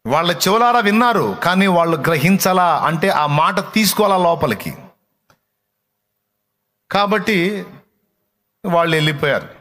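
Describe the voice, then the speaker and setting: A dramatic male preacher with a slightly higher voice. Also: expressive, moderate pace, pauses often. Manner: colloquial, dramatic storytelling that drops to soft, hushed passages. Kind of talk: sermon.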